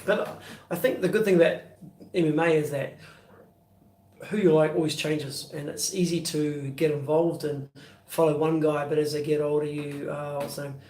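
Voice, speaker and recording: A man's voice: a little high, steady tone, normal speed, darkish tone. A man in his fifties with a New Zealand accent, chatting casually on a live stream and answering viewers' questions in a loose, rambling way, full of fillers and restarts. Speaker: beer vlogger answering live chat. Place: bedroom, indoors. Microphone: phone on a stand at arm's length. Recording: echoey room, phone mic from a distance.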